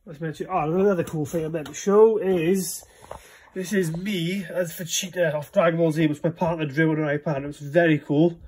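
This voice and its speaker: A man's voice: on the high side, fairly even intonation, moderate pace, a little mellow, breathy edge. A young Welsh man chatting casually as he shows his games room, rambling with many fillers, recorded on a handheld phone. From Wales. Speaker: vlogger giving a room tour. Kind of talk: casual chat. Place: small indoor games room at home. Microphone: phone camera held in hand.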